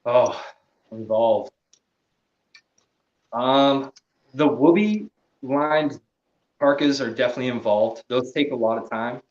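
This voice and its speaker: A man's voice: mid-range voice, lively intonation, takes it slowly, pauses often, roomy sound, muffled recording. A man talking casually as a podcast guest, laid-back and trailing off, swearing casually and laughing often. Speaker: podcast guest, gear maker. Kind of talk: casual chat.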